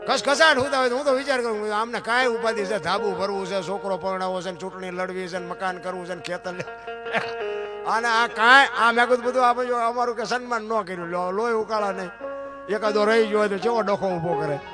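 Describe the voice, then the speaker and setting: A man's voice: high voice, steady tone, a little fast, music in the background. A man, a folk storyteller giving a sermon-like talk to a live audience, often asking his listeners rhetorical questions and quoting folk verse. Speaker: folk storyteller speaking at a dayro.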